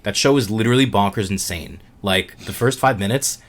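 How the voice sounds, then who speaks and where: A man with a lowish voice, a little roughened by illness, co-hosts a podcast. He rambles casually with plenty of fillers. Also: a little fast. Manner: rambling, filler-heavy, laid-back. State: slightly sick voice. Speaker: podcast co-host.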